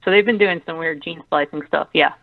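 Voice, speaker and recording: A woman's voice: deep voice, fairly quick, vocal fry, no echo. A woman from Tennessee calling in to a radio show, chatting eagerly and rambling a little. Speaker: caller. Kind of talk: call-in radio chat. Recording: dry tinny phone line.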